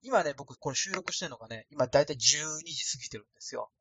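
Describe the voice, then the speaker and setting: A man's voice: mid-range voice, animated, quick pace, a bit bright, a little hiss or hum. A man from Osaka rambling casually through a solo podcast, with a thin, light voice and a self-deprecating manner. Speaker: podcast host. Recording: dry, no added echo.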